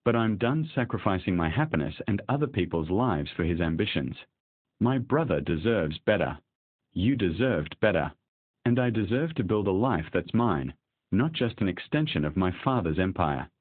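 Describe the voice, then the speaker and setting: A man's voice: sits low, big pitch swings, normal speed, dry recording. A man reading a guarded billionaire husband. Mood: earnest. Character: guarded young billionaire husband turning earnest. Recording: dry, tinny phone-like sound.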